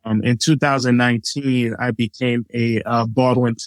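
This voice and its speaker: This guest is a middle-aged chef from Liberia, chatting informally about his food in an interview with a relaxed manner, lots of examples, and many fillers. His medium-pitched voice is delivered flatly at a moderate pace, with no room sound.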